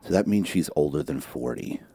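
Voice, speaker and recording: A male show host with a very low, dark, husky voice, cheering his guest on with emphatic remarks. The sound is dry and close. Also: expressive, brisk, no echo. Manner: encouraging, emphatic. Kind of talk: interview conversation.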